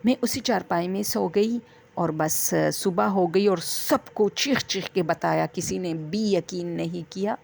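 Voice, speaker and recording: A woman's voice: lowish voice, creaky, a little mellow, slightly rough. A woman from Swat, casually telling a true horror story from her own life and talking straight to her listeners as friends. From Swat, Pakistan. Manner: chatty, addresses listeners as friends, digresses.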